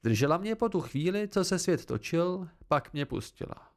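A man's voice: fairly high pitch, expressive. A man reading an amateur audiobook, telling the story expressively in the first person. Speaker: audiobook narrator.

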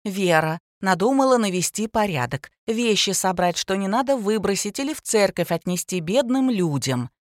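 A woman's voice: medium pitch, lively intonation, normal speed, hardly any pauses, dry recording, clean studio sound, lightly acted. Woman playing a bossy agitated friend. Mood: urgent. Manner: commanding, urgent.

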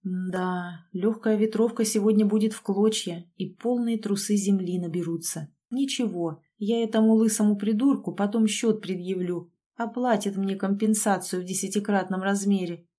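A woman narrating a first-person audiobook story in a brisk, wry manner, voicing the dialogue herself. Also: mid-range voice, dark tone.

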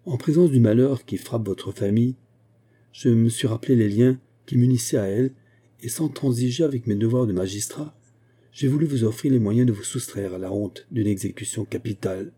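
A man's voice: medium pitch, a little fast, warm tone, slightly rough, lightly acted. A man doing a grave old magistrate. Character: stern elderly male magistrate, paternal yet cold.

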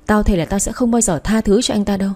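A woman voicing a furious young mother who curses and shouts to get her baby back. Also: mid-range voice, fairly even intonation, quick pace, close to an everyday voice. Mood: bitter. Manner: shouting, cursing.

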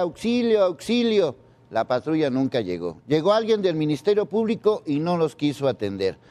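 A man's voice: fairly high pitch, dark tone. Indignant man asking rhetorical questions. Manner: rhetorical, repeating angry questions. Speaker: independent news commentator. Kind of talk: indignant news commentary.

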